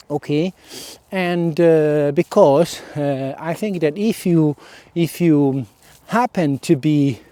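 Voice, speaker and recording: A native Italian speaker with an Italian accent talks casually to his followers in a solo vlog. His fairly high, dark voice is recorded dry, and he speaks hesitantly, with many fillers, often checking in with "okay?".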